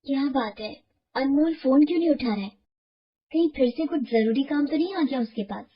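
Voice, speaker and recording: A loving young wife, voiced by a woman, speaks with earnest, pleading conviction. Her voice is slightly high. The dull, lo-fi sound fits a storybook cartoon. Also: lively intonation, brisk, very noisy. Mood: worried. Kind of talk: animated storybook voice acting.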